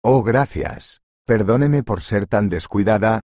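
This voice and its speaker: A man's voice: lowish voice, a little slow, a little mellow, no room sound, studio quality. A man voicing a timid, apologetic young woman who works as a kitchen helper in a storybook reading. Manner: apologetic, hesitant.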